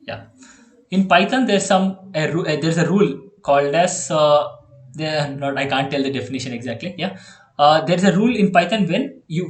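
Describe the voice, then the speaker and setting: A man with an Indian English accent tutoring a child in programming on a video call, chatty and quick to laugh. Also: on the high side, roomy sound. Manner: chatty, laughs often, repeats okay and yeah. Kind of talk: online one-on-one coding lesson.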